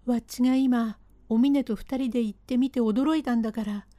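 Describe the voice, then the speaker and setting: A woman reader puts on a jumpy Edo-period manservant. He talks in rough, old-fashioned working-class speech, pitched up high and sounding mellow. The sound is dry and close. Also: fairly even intonation, moderate pace, dry recording, natural voice. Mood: urgent. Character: timid, excitable Edo-era manservant, adult man.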